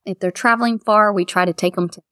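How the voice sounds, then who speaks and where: A woman's voice: mid-range voice, fast talker, no room sound, clean studio sound. Chatty middle-aged Kentucky woman, heartfelt. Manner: chatty, heartfelt, quotes others in lively voices. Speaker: bridal shop owner and dress designer. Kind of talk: casual interview.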